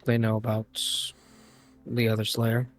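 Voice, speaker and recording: A player chatting casually in a tabletop game, eager and excitable. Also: mid-range voice, measured pace, soft background music.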